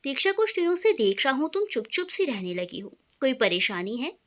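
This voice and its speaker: A woman's voice: sits high, sing-song, brisk. Woman reading as a teasing young husband. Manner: teasing, affectionate. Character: playful young man, teasing loving husband.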